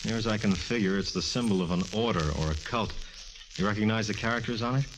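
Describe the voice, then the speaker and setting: An actor playing an easily exasperated but fond police lieutenant, with folksy banter in 1940s radio drama style. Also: male voice, on the low side, fast, close to an everyday voice. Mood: matter-of-fact. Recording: noisy, hissy 1949 radio recording.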